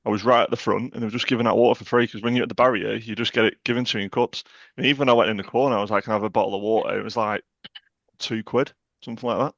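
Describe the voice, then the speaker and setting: A man's voice: fairly low pitch, steady tone, very fast, vocal fry, a bit bright, no echo, muffled recording. A man co-hosting a podcast, chatting casually and often saying "like". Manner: chatty, uses "like" a lot. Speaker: podcast co-host. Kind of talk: casual chat.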